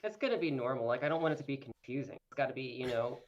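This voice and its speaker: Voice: mid-range voice, expressive, rapid-fire, lo-fi sound. A tabletop game player chatting casually with the group.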